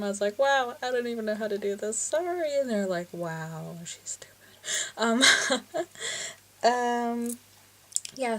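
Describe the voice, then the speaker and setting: A young woman from Canada talking casually to her camera as a vlogger, self-mocking and chatty, sometimes dropping into a whisper. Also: mid-range voice. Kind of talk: casual chat.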